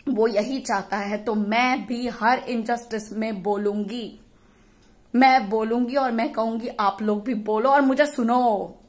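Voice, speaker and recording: A woman YouTuber ranting angrily and forcefully in a vlog, slipping English phrases into her talk. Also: on the high side. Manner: angry, insulting, forceful; mixes English phrases into Hindi. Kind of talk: impassioned vlog rant.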